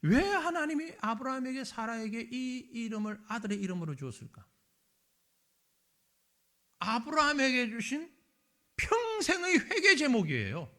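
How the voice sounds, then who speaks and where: A man's voice: very high-pitched, normal speed, pauses often. A middle-aged man, a pastor preaching a Sunday sermon in a church and acting out the dialogue of scripture scenes. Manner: animated preaching, acts out dialogue between God and Abraham. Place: church sanctuary.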